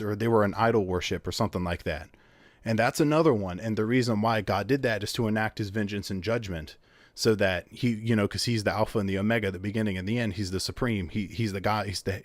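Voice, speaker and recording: A man with a fairly low voice talks through a Bible story in a relaxed, unscripted way. He thinks aloud, poses rhetorical questions and often restarts his sentences. The recording is dry, with no room sound. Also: no echo. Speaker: solo video creator explaining a Bible story. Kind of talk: casual spoken explainer.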